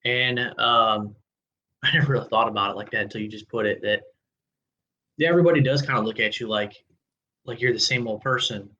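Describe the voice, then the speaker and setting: Bright-voiced male podcast host. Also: mid-range voice, a little fast, long pauses, dull audio. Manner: relaxed and friendly, with many fillers and restarts. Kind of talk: casual interview conversation. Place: indoor home studio room. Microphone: large studio mic on a boom arm.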